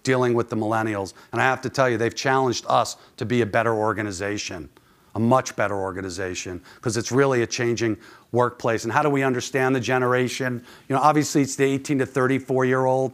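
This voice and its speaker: A man's voice: medium pitch, fairly even intonation, fast talker. Man giving an informal conference presentation. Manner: conversational, poses questions to listeners. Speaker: conference speaker, club manager.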